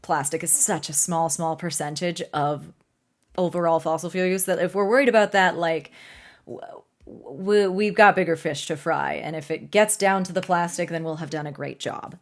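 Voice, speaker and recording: A young woman explaining climate policy in a casual vlog, chatty and sarcastic, with fillers and asides. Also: lowish voice. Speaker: climate video creator.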